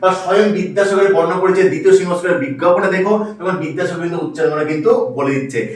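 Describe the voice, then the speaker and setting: A man's voice: sits high, racing. A man teaching an online lesson, repeating each point and quizzing the viewer. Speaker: Bengali language teacher. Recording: echoey room, mic far off.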